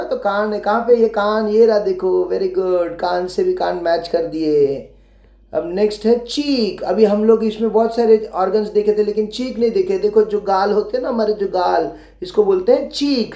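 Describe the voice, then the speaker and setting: A woman's voice: mid-range voice, dark tone, roomy sound. A woman teacher explaining an English lesson for young children in Hindi, spelling words letter by letter and asking them questions.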